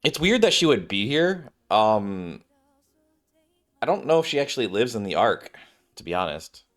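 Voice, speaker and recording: Over background game music, a male streamer offers casual commentary at normal speed, his voice on the low side and very animated. He reads dialogue aloud, reacting as he goes and stumbling over the written words.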